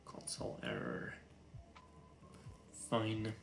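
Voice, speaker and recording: A man whose first language is Russian, speaking English with a Russian accent while thinking aloud on a live coding stream, halting and full of filler sounds. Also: on the low side, very animated, gravelly, soft background music. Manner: halting, many filler sounds, muttering to himself; self-conscious about his English voice.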